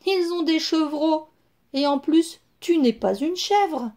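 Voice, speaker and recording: A woman's voice: high-pitched, expressive, slow pace, darkish tone, pitched above the performer's own voice, exaggerated voice. A woman voicing a kindly, sensible red hen who explains things patiently in a children's storybook. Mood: explaining.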